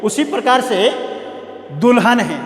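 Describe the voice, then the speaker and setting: Male lecturer, slow and deliberate, repeats terms and quizzes students; echoey hall sound. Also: extremely high pitch. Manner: slow, repeats key words and asks the class questions. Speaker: college Hindi teacher. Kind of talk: classroom lecture on prosody. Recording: echoey room with long reverb.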